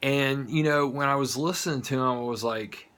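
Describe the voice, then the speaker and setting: An American man who hosts an online horror show gives viewers a casual, heartfelt monologue, blunt and informal, with the occasional swear word. He has a Southern US accent though he isn't from the South, and his medium-pitched voice is a bit bright at a moderate pace.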